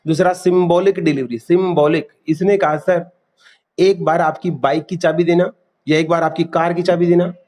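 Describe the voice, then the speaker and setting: Man, classroom lecture, quizzes students, somewhat high voice. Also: fairly even intonation, normal speed, dark tone. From India. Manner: quizzing students, repeating key terms. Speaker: teacher.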